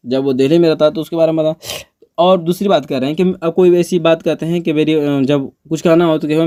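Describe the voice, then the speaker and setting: A man teaching spoken English, speaking slowly and repeating each example sentence for learners. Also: on the high side, darkish tone.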